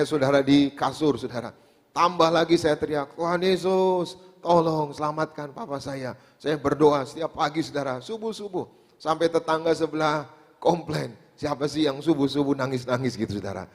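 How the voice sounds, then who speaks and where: Male pastor preaching, casual storytelling, keeps saying brother, big echoey church. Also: mid-range voice. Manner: addresses the congregation as "saudara" constantly, drops to quiet asides. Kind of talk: sermon storytelling. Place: church hall. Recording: long hall reverb.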